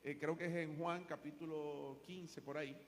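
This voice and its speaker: Puerto Rican male pastor, high-pitched, emphatic repetitive sermon delivery, long church reverb. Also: fairly even intonation, moderate pace, slight background noise. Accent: Puerto Rican Spanish. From Puerto Rico. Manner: emphatic preaching, building phrases by repetition. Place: church sanctuary.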